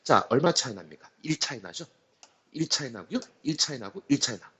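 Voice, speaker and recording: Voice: mid-range voice, sing-song, brisk, background noise. A cram-school math teacher giving a recorded lecture. The teacher explains step by step, keeps starting phrases with "so", and asks questions aloud and then answers them.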